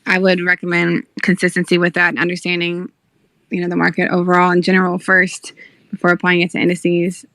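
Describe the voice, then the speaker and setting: A woman offers measured, reassuring advice, her voice sitting a bit low for a woman. The recording is dry and close, with no room around it. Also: completely flat delivery, a bit bright, no echo. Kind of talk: casual advice chat.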